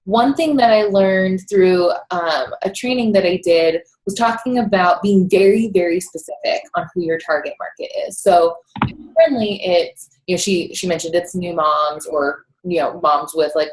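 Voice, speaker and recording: A woman hosting a casual team call, explaining things in a relaxed, chatty way. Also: lowish voice. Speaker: team coach host. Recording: roomy echo.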